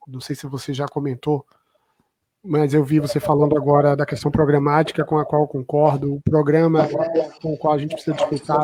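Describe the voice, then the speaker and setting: A man's voice: a little high, low-quality recording. A man hosting a political discussion, casually prompting his guest with questions. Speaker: host.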